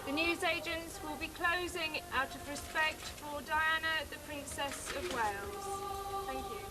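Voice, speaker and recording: A woman makes a slow, polite announcement over a public address system, introduced by a chime. Her voice is high and sounds distant through the loudspeaker. The chime music rings loud around her words.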